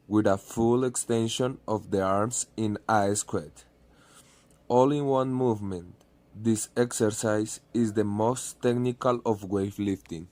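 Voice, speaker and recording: A man reads a prepared explanation in English at a slow, measured pace. His voice sits fairly low, and the recording is close and dry with no room sound. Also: darkish tone, dry recording. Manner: careful, reads in short phrases.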